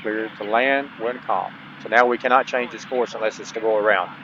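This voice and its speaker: This gaming channel host has a fairly low pitch and a steady, brisk delivery as he comments on a gameplay tutorial. He chats casually with folksy asides, reads on-screen instructions aloud, and is heard through a dull lo-fi mic with faint background noise.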